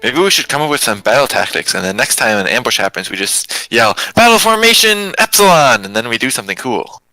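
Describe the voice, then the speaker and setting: A man's voice: on the low side, fast, creaky, bright, forceful tone, no echo, rough recording. A man role-playing in a tabletop game, playful and eager, often laughing. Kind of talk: in-character role-play discussion.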